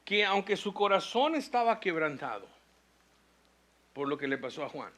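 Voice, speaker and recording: A man's voice: sits high, very animated, a bit bright. A man preaching a sermon as pastor, reading scripture and telling a hospital story, building to intense emphatic peaks. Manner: preaching with rising intensity and slow emphatic phrases.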